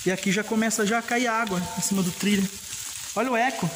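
A man's voice: sits high, fast talker, noisy background. A Brazilian man exploring an old railway tunnel, his voice echoing off the rock as he talks to viewers on a handheld camera. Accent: Brazilian Portuguese. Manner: chatty, repeats himself, calls viewers "pessoal". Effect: echo of a long dark rock tunnel. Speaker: explorer vlogger. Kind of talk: casual walk-through commentary to viewers. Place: inside an old railway tunnel with dripping water. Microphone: handheld camera, front camera at times.

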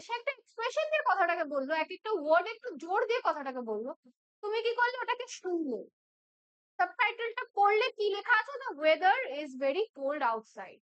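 A woman from West Bengal teaching spoken English in a classroom-style lesson. She keeps checking in with her listeners and says English examples slowly and deliberately. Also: extremely high pitch, fairly bright tone, muffled recording.

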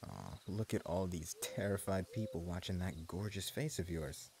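In an audio roleplay, a voice actor plays a menacing post-apocalypse gang leader, smug and cruel, taunting his captives in a mock-friendly drawl. The voice is deep and gravelly at a moderate pace, with faint crickets and a night ambience humming behind.

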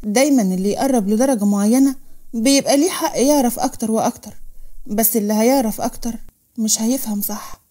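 A woman voicing a lonely, reserved young woman in an Egyptian Arabic storybook reading, speaking in a soft, confiding way. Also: a little high, fast, lightly acted.

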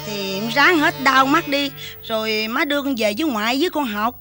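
A woman's voice: sits high, expressive, normal speed, music in the background. An actress playing a sad young mother who soothes her sick child. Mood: weary. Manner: weary, soothing.

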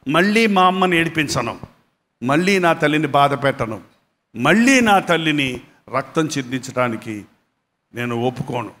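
A man's voice: on the high side, lively intonation, moderate pace, pauses often, a bit bright, pitched below the performer's own voice. A man voicing a remorseful young ex-gambler who firmly refuses his old friend, told within a sermon. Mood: resolute. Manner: firm, resolute refusal.

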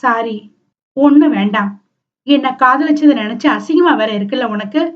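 A woman's voice: sits high, normal speed, far from the mic, natural voice. Woman voicing a grumpy young husband in an audio novel, short snappy lines, muffled sound. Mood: grumbling. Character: young husband, gruff and sulky.

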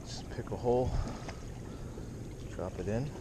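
A man's voice: mid-range voice, a little slow. A man casually chatting while fishing from a seaside pier, laid-back and swearing when he loses rigs, recorded on a chest-mounted action camera. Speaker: fishing vlogger. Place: outdoors on a windy seaside pier. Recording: loud wind noise on the mic.

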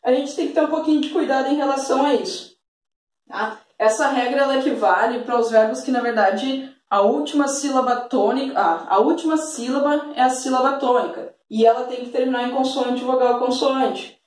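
A woman's voice: high-pitched, brisk, a little mellow, recorded from a distance. A woman teaching an English grammar lesson, patient and full of diminutives, checking in often with tag questions. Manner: fond of diminutives. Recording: very echoey room, voice off the mic.

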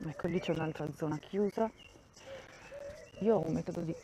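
A woman with a deep voice tours a campsite for her vlog at a moderate pace, filming on a handheld phone outside amid background noise. She keeps it casual, thinking aloud and frequently starting her sentences over.

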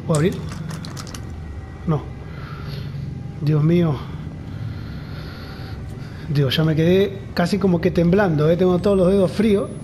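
Speaking with a Rioplatense Spanish accent, this gamer narrates a horror game and mutters frightened, nervous remarks to himself. His high-pitched voice is unhurried and pauses often, with background noise behind it.

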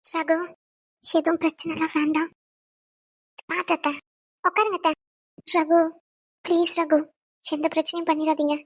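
A woman voicing a young pregnant wife in a cartoon family drama, calmly pleading and reasoning. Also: extremely high pitch, moderate pace, long pauses, dry recording. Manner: pleading and persuading.

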